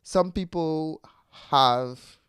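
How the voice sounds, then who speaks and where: A podcast host with a foreign accent muses loosely and reflectively, laughing often as he talks. His voice is smooth, resonant, fairly high, and fairly bright, and he speaks very slowly, recorded close and dry with no room sound.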